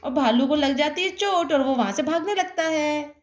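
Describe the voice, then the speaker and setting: A woman telling a doll story in a lively, exclaiming way. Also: high voice, moderate pace, echoey room.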